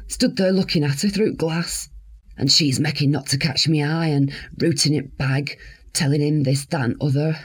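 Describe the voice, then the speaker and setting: A woman's voice: deep voice, breathy edge. An actress playing a weary, defiant sixty-year-old woman in care, telling her story in a blunt, wry dramatic monologue. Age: 60s.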